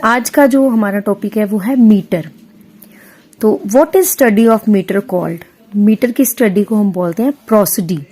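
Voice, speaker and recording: A woman teaching a literature lesson, slowly explaining terms and repeating them patiently. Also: a little high, darkish tone, a little hiss or hum. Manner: slow, patient, repeats terms, mixes English into speech. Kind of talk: explaining poetic meter in a lesson.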